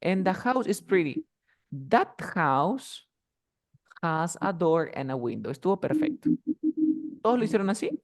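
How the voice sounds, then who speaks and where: A man's voice: high voice, very animated, measured pace, long pauses. Patient male teacher drilling words. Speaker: English teacher. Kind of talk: online class instruction.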